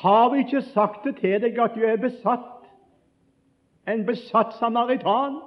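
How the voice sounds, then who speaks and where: A man's voice: very high-pitched, pitched above the performer's own voice. A male preacher voicing scornful accusers who jeer at Jesus, in a raised, mocking delivery, on a dull lo-fi recording.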